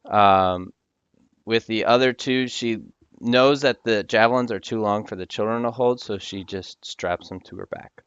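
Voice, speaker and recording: A man with a low, smooth, resonant voice narrates as game master of a tabletop game, pausing often on ums and restarts. The sound is dry and dull, like a lo-fi voice chat. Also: fairly bright tone, dry recording. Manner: hesitant, many ums and restarts.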